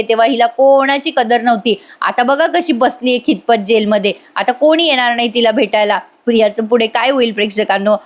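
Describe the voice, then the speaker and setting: A woman narrates a casual voice-over review of a TV serial episode, chatting straight to her viewers. Her voice sits somewhat high for a woman, in a conversational recap style. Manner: chatty, addressing viewers directly.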